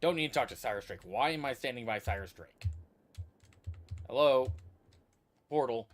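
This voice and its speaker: A man's voice: medium pitch, animated, normal speed, slight background noise. A man streaming a video game, talking casually and thinking aloud with meandering restarts. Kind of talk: casual livestream commentary.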